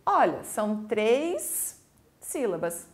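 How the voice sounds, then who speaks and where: A woman English teacher with a Brazilian Portuguese accent, giving a recorded school video lesson in a lively, coaxing way. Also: fairly high pitch. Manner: lively, coaxing, slow deliberate explanations.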